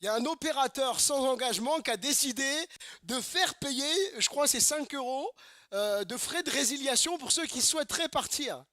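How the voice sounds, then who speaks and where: During a church service, a pastor from Normandy, France preaches emphatically, repeating phrases and posing rhetorical questions. His very high voice is bright, forceful and expressive at a normal speed. The recording is close and dry, with almost no echo.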